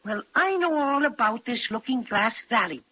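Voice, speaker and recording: A man's voice: extremely high pitch, animated, normal speed, breathy edge, exaggerated voice. An actor voicing a cheerful, brave little male teddy bear in a 1930s children's radio serial, bossy and protective. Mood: serious. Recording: dull old 1930s radio recording, faint hiss.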